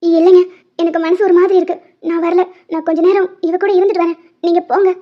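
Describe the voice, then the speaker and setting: A woman voicing a squeaky, tearful young wife. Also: level tone, fast. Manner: tearful, pleading. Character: tender-hearted young wife, weepy and worried. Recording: dull lo-fi sound.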